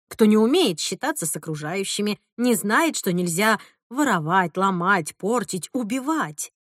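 A woman's voice: medium pitch, no room sound, studio quality. A woman reading as a stern grandmother. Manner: clipped, firm, lecturing. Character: stern older grandmother, curt and commanding. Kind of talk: audiobook character reading.

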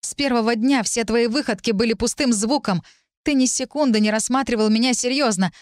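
A woman voicing a furious, defiant young heroine who shouts sarcastic accusations. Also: on the high side, lively intonation, fairly quick, dry recording, studio quality, voice pushed up, close to an everyday voice. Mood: furious shouting.

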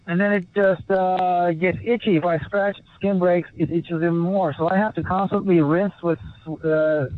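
A man's voice: high voice, fairly even intonation. Man on a tinny satellite phone line. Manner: halting, with frequent fillers and restarts. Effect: satellite phone line with delay. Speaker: ocean rower on an expedition. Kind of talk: remote interview guest. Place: small rowing boat out at sea. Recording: tinny satellite phone line relayed through a video call.

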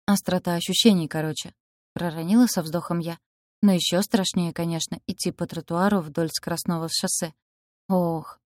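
A woman's voice: lowish voice, dark tone, no room sound, studio quality. A woman reading a first-person fantasy novel aloud, giving the characters light voice shifts as she narrates. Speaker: audiobook narrator.

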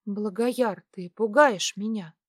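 A woman voicing a shy young female student heroine, soft and timid. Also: mid-range voice, slow, husky, dry recording, clean studio sound.

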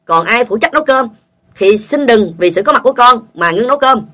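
A woman's voice: fairly high pitch, animated, brisk, sharp tone. A woman reading short funny stories aloud and voicing their characters. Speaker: joke reader.

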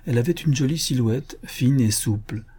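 Man, audiobook narration, detective story, steady read, dark warm timbre, slightly husky. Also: moderate pace. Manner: steady reading, raising pitch for dialogue.

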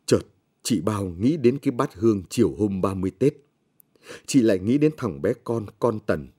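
Brief: male audiobook narrator, somber and measured, dark husky low voice. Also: animated. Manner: slow, measured, somber reading. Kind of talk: scripted story narration.

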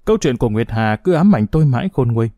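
A man's voice: medium pitch, animated, fast, mellow, dry recording, studio quality. A man reading a first-person story aloud in an earnest, scripted narration.

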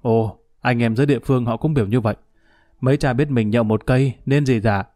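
A man's voice: mid-range voice, fast, dark tone, dry recording, studio quality, natural voice. A man voicing a kindly, folksy police major who talks plainly. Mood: chatty.

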